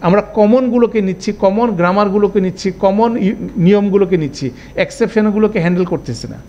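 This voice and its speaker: A man, teaching an Arabic grammar class and explaining each step slowly with checking questions. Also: high-pitched, dark tone, highs cut off, a little hiss or hum. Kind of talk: online class lecture.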